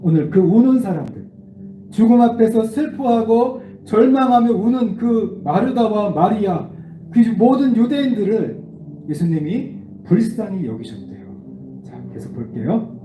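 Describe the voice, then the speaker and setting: Recorded on a distant mic in an echoey room with faint noise, a man with a high, unhurried voice gives a children's sermon. He animatedly takes the kids through a Bible passage, asking them questions.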